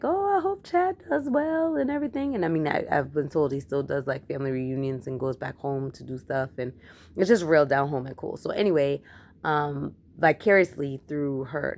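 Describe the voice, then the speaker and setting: A woman giving a chatty, emphatic review of a movie in a casual vlog, growing animated as she rants. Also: deep voice, gravelly. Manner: chatty, emphatic, gets animated when ranting. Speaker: film reviewer.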